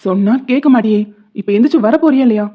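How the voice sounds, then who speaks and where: A woman's voice: a little high, quick pace, natural voice. A woman voicing a stern middle-aged village-head husband who scolds and gives orders in a cartoon. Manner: scolding, commanding. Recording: tinny phone-like lo-fi sound.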